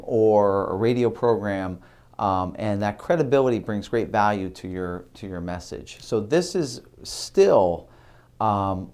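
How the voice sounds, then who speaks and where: Man, middle-aged, lowish voice, instructional video lecture, halting delivery, frequent ums and uhs. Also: darkish tone, smooth. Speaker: marketing instructor.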